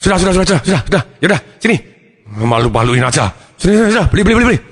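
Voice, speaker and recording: Man as a weary father hushing his kid. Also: on the high side, fast talker, slight background noise, lightly acted. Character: tired, embarrassed father hushing his child.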